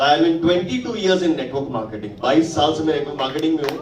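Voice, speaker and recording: A man's voice: a little high, animated, moderate pace, distant mic, background noise. A man in his forties with an Indian English accent, giving a motivational stage speech at a network marketing event. He mixes Hindi and English and keeps putting rhetorical questions to the audience. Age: 40s. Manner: switches between Hindi and English mid-sentence. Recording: echoey hall, mic held back from mouth.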